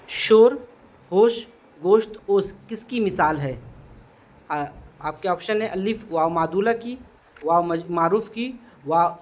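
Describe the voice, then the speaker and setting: A male teacher going through exam multiple-choice grammar questions, asking questions and answering them himself, checking in with the class often. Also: sits high. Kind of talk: exam prep grammar lesson.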